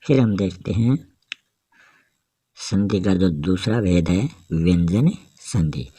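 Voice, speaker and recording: A man with a fairly low voice gives a grammar lesson. He talks very slowly and builds up each example one step at a time. The recording is dry and close, with no room sound. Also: expressive, warm tone, dry recording. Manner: slow, step-by-step explaining. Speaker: teacher.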